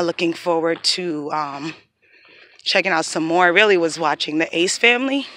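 A fairly low, pushed, bright female voice belongs to a woman in her thirties filming a casual walking vlog on a phone held at arm's length. She's heading uphill along an outdoor park trail, a little out of breath, sounding reflective and devout and close to tears.

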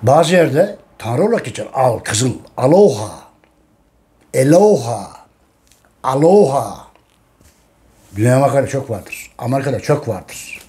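A man's voice: mid-range voice, dark tone. A Turkish man giving a casual, repetitive monologue on history to his viewers, often calling them friends. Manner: repetitive, addresses listeners as friends, emphatic. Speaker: history channel host.

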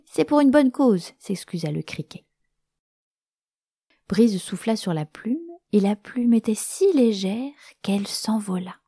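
A woman storyteller narrating a children's story in a gentle, expressive way, sometimes dropping to a whisper. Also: a little high, breathy edge, dry recording, studio quality.

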